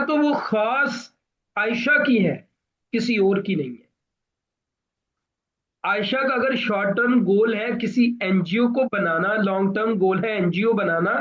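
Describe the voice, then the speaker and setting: A man from Pakistan coaching students for interviews, explaining deliberately and addressing them directly in an online class. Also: high-pitched, a bit bright, muffled recording.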